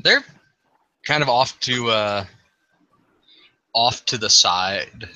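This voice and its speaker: A man running a tabletop game as game master, describing the scene haltingly with fillers. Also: medium pitch, animated, pushed and bright, no echo, rough recording. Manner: halting, thinking aloud with fillers.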